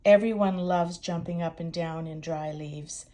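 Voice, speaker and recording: A woman's voice: on the low side, fairly even intonation, measured pace, warm tone, a little hiss or hum, lightly acted. Older woman as jolly storybook father pig. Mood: cheerful. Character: cheerful, confident father pig from a children's storybook.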